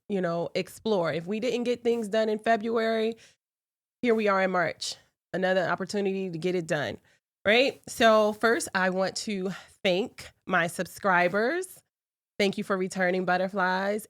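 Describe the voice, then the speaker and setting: A congested woman hosts her talk show in a casual, chatty way. Her voice sits low and the sound is dry and close. She talks straight to her viewers. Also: no echo. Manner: chatty, addresses viewers directly.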